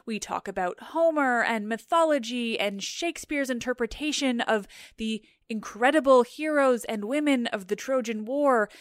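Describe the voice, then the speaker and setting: A woman's voice: fairly high pitch, normal speed, hardly any pauses, dry recording, clean studio sound. A young Canadian woman hosting a podcast, chatting casually and with self-deprecating humour. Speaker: podcast host. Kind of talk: casual conversation.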